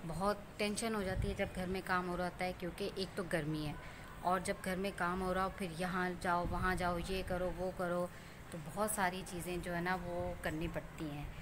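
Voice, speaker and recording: A woman's voice: fairly low pitch, steady tone, moderate pace, noisy background. A woman from Pakistan chatting casually to her viewers in a vlog, telling a story and pointing things out around her. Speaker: vlogger. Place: rooftop outdoors.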